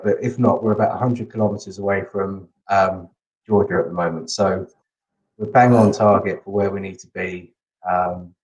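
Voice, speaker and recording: A man's voice: lowish voice, a little mellow, poor audio. A man speaking as an interview guest, casual and earnest, with plenty of enthusiasm. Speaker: guest, visually impaired rugby player.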